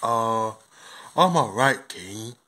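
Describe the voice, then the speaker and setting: A man's voice: fairly low pitch, expressive, drawn-out words, sharp tone, pitched below the performer's own voice, full character voice. A man voicing a timid, polite bear who loves marmalade, in a homemade puppet show. The bear mumbles in hesitant, broken phrases. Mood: meek.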